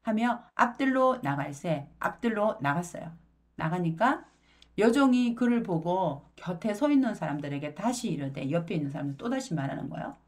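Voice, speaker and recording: Low-voiced woman teaching the Bible. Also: lively intonation. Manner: explains verse words, paraphrases them into everyday talk; halting, unhurried delivery. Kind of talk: Bible lesson in a sermon tone.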